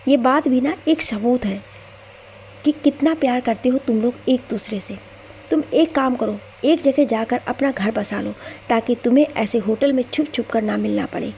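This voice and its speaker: A woman voicing an angry young husband who shouts bitter accusations at his wife. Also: fairly high pitch, fast talker, creaky, hardly any pauses, slight background noise.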